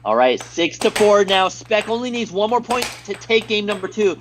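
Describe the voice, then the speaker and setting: Upbeat high-voiced American commentator. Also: male voice, expressive, normal speed, noisy background. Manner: upbeat, reads viewer chat aloud between plays. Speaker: live stream commentator. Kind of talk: live play-by-play commentary and chat reading.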